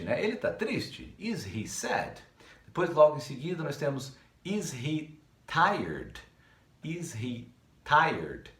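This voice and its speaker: A man's voice: mid-range voice, fairly bright tone. Brazilian guy teaching english to kids, upbeat sing-song voice, echoey room. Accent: Brazilian Portuguese. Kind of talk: recorded online lesson for young pupils.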